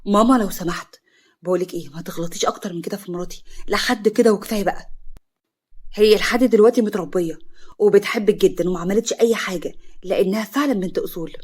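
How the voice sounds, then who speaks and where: A woman voicing a young, earnest husband with an Egyptian accent, in a lowered, pleading voice. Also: steady tone, very fast, mellow, close to an everyday voice. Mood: firm.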